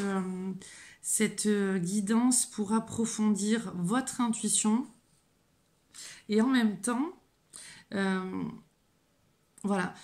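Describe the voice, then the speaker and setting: A woman medium leads a live oracle card reading, halting and restarting as she goes. Her voice has a gravelly, creaky edge at a middling pitch. She addresses her viewers gently and encouragingly. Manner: hesitant, halting, with frequent fillers and restarts. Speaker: medium and spiritual guide.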